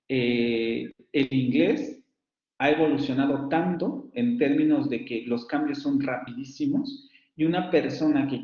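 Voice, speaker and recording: A man lectures on phonetics, pausing with filler sounds and repeating sample words to demonstrate them. His mid-range voice comes through a roomy space. The recording is muffled and lo-fi. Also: medium pitch. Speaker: university phonetics professor.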